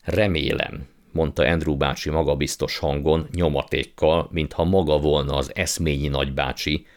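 A man narrating a children's novel in a steady storytelling manner. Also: very deep voice. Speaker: audiobook narrator. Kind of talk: scripted narration.

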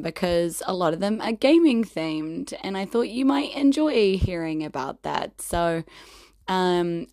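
A New Zealand woman in her thirties talks in a low, croaky voice full of fry. She is hoarse and rambles casually as a host chatting to her followers. The sound is dry, with very little room in it. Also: dry recording. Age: 30s. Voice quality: croaky, gravelly. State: hoarse, voice nearly gone from partying. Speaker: host of a personal episodic show.

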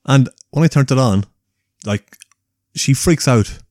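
A man's voice: medium pitch, unhurried, darkish tone, no room sound, studio quality. A man co-hosting a podcast, easygoing and agreeable in casual chat, telling rambling anecdotes. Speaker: podcast co-host.

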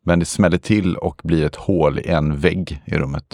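A man narrating a tabletop role-playing game as game master, describing scenes slowly with pauses and fillers. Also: extremely low pitch, steady tone, dark tone, dry recording, clean studio sound.

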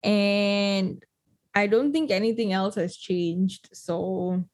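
A young woman hosting a podcast, speaking with a noticeable lisp. She talks in a chatty, expressive way, full of quick asides and reactions. Her voice sits at a medium pitch. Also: slightly rough. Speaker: podcast host. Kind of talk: casual chat.

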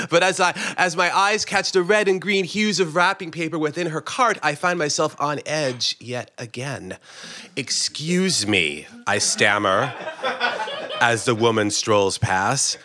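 In a fairly high, pushed and bright voice, a man reads a funny story aloud like a stage performer, bringing the characters to life and laughing at points.

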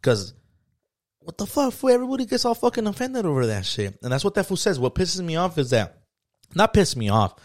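A man, co-hosting a casual podcast chat, telling stories in a profane, slangy, animated way. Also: sits high, fairly quick. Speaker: podcast co-host.

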